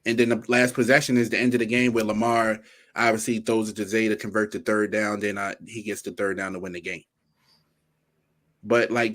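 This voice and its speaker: A man's voice: lowish voice, a bit bright. A man recapping game possessions one by one in a casual sports talk.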